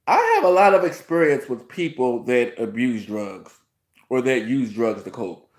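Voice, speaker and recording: A host in his thirties, nursing a cold, rambles through a casual reality-TV review vlog, restarting sentences and leaning heavily on "you know." He speaks at medium pitch and a measured pace.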